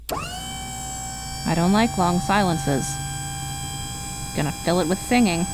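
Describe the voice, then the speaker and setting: In an ASMR roleplay, a woman plays a cynical, guarded space smuggler with a soft spot, speaking to the listener in a wry, world-weary way as she grudgingly relents. Her voice is lowish, with background noise.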